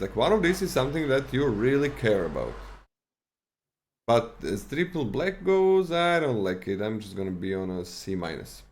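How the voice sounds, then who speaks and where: A man talks through cards in a relaxed podcast chat, his pitch rising and falling a lot. He stumbles and restarts sentences as he thinks aloud. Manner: halting, restarts mid-sentence, animated. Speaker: co-host of a card game podcast. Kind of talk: casual card review chat.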